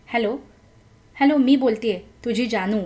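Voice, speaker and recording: A woman voicing a lovesick young woman in a story, pleading softly. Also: fairly high pitch, moderate pace, close to an everyday voice. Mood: eager.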